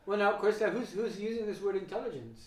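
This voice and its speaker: A man from the United States talks through ideas in a loose, rambling way, full of fillers and restarts. His voice sits a little high for a man. It is recorded in an echoey room, picked up from some distance off the mic. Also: expressive, quick pace, a little mellow. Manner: rambling, thinks aloud with many fillers and restarts. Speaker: economics and philosophy host. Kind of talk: casual conversational interview.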